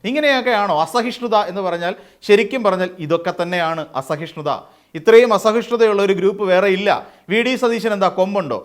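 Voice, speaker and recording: A man's voice: high voice, a little fast. A man hosting his own channel, giving political commentary with a sarcastic, mocking edge. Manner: sarcastic, mocking imitation of critics. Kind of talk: scripted political commentary to camera.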